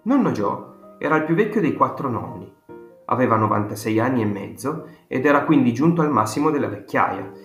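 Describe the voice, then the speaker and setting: Animated male audiobook narrator. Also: mid-range voice, highs cut off. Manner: measured, animated storytelling. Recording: roomy reading with faint guitar music.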